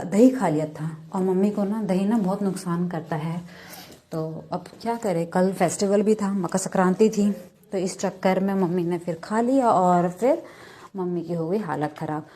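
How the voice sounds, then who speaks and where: Young woman vlogger, rambling and chatty, warm low tone. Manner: chatty, rambling storytelling with fillers. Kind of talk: casual daily vlog narration.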